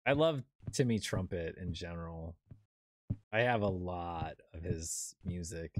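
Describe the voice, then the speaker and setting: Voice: low-pitched, a little slow, darkish tone. A young adult streamer chatting casually while playing a horror game, rambling with lots of fillers and restarts. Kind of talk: casual chat while gaming.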